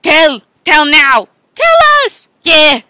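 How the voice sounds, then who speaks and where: A woman voicing an excitable, melodramatic young girl detective in a cartoon comedy skit, with theatrical shouted exclamations. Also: high voice, slow, dry recording, heavily acted. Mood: accusing. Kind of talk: animated comedy skit dialogue.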